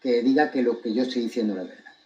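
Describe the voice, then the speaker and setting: A man with an accent from Spain gives a deliberate, emphatic monologue to an audience, breaking his phrases with pointed pauses. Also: mid-range voice, mellow, rough recording. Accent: Spanish from Spain. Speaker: commentator giving his account of a court case.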